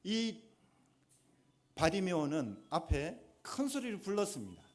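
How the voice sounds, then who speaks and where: A pastor with a Gyeongsang accent delivers a sermon in a church. His voice sits high and swings widely in pitch. He presses each point with mounting emphasis. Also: wildly swooping pitch, measured pace. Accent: Gyeongsang Korean. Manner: emphatic, rising to forceful exhortation. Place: church sanctuary.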